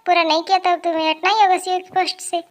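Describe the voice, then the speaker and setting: Girl doing a strict angry mom, director of the company, scolds nonstop, high voice. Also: level tone, fast talker. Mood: scolding. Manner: scolding, threatening. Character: stern middle-aged mother, company director, scolding.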